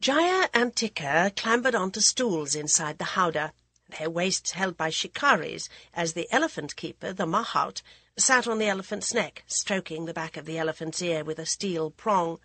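A woman's voice: lively intonation, normal speed, sharp tone, breathy edge, no echo. A woman narrating a storybook, raising her voice for the characters. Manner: voices characters with raised pitch. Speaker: audiobook narrator.

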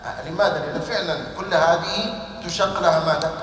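A man's voice: a little high, quick pace, fairly bright tone, slight background noise. A man teaching a class, asking the students questions and then answering them himself. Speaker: teacher of religious texts. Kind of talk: classroom lecture. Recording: echoey hall from far off.

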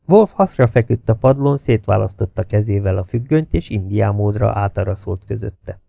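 A man narrates a novel in a low, gravelly voice, measured and steady, sometimes sinking to a hush. His tone is dark and mellow. He is recorded close on the mic in a dry, dead room. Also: dry recording. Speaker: audiobook reader.

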